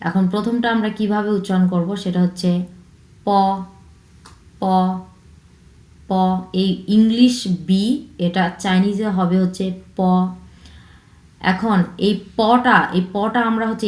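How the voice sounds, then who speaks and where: A woman's voice: medium pitch, a little mellow. Woman teaching in an echoey room. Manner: slow, repeats each sound three times; mixes English words into her explanations. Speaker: Chinese language teacher. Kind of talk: online language lesson.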